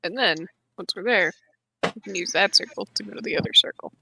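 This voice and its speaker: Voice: medium pitch, brisk, gravelly, background noise. A player narrating their character in an online tabletop role-playing game, with casual narration broken up by laughter.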